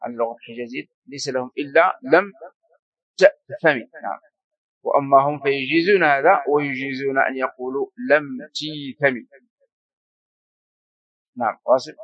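A man's voice: medium pitch, fast, no echo. Man teaching grammar in a dry room. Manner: explanatory, repeats and prompts students to continue. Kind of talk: classical Arabic grammar lesson. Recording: slightly dull lo-fi recording.

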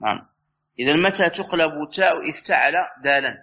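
A man teaching an Arabic grammar lesson, explaining step by step and slowly repeating each word form. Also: a little high, lively intonation, bright, forceful tone. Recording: slightly dull recording with faint noise.

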